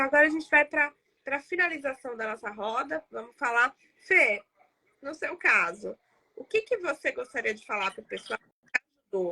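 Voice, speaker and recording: A woman's voice: fairly high pitch, bright, forceful tone, slightly rough. A woman in her thirties with a Brazilian Portuguese accent, hosting a live talk circle and telling a personal story in a chatty, emotional way, often speaking straight to her audience. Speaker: therapist and host of a live discussion circle.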